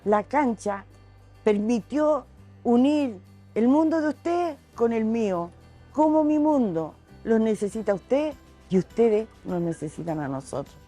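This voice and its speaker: A woman from a seaweed cooperative speaks with earnest emphasis. Her voice is mellow, and faint music plays under it. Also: a little high, lively intonation, normal speed. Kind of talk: documentary interview.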